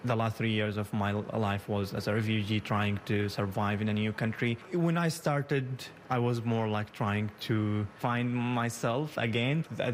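A young man answers interview questions in his bakery kitchen. He speaks haltingly, with many "uh"s and restarts. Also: on the low side, a little hiss or hum. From Yemen, raised in Saudi Arabia. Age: 20s. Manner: hesitant, halting, with frequent "uh" and restarts. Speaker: bakery founder, guest.

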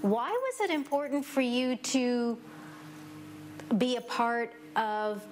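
A woman hosts a radio interview, her voice sitting a little high. She asks her questions in a measured, conversational way. A faint noise floor runs under her speech. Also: animated. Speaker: radio host interviewing guests. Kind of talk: broadcast interview.

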